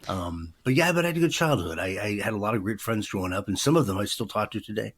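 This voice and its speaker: His voice is on the low side and slightly rough, fast and expressive. A Pacific Northwest man in his fifties who used to be a radio DJ, he rambles through a casual interview with many fillers.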